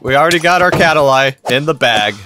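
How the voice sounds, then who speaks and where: A man's voice: on the high side, lively intonation, a little fast, music in the background. A man from Kentucky giving upbeat, jokey gameplay commentary, laughing often. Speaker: gaming YouTuber.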